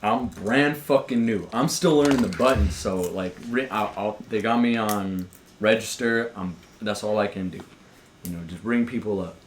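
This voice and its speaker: A man's voice: lowish voice, moderate pace, slight background noise. A young man on a podcast, casually telling long work stories with lots of swearing and restarts. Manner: rambling, profane, with frequent restarts and fillers. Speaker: podcast co-host. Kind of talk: casual storytelling with friends.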